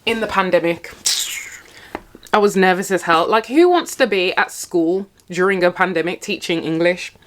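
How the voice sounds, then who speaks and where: A woman vlogger chatting casually to camera while eating, telling stories in an animated way with her mouth sometimes full. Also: lowish voice, normal speed. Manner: animated storytelling, acting out quotes. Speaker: English teacher. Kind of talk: casual mukbang chat to camera.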